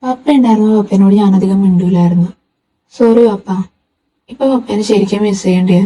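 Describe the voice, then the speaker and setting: A woman voicing a wistful young man in a fan audio drama, musing softly to himself. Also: mid-range voice, a little fast, slight background noise, natural voice. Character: young man, wistful son missing his late father. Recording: distant mic.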